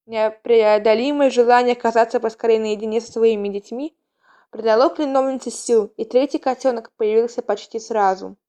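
A woman reading a storybook aloud in a calm, even voice. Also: a little high, moderate pace. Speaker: narrator.

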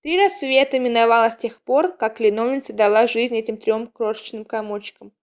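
A woman reading a storybook aloud in a calm, even voice. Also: fairly high pitch. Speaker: narrator.

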